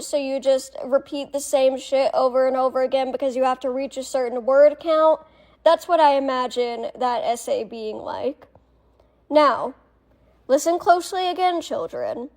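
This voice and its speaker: Sarcastic, high-voiced woman vlogger. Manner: sarcastic, profane, mock-patronizing. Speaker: commentary vlogger. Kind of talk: sarcastic commentary vlog.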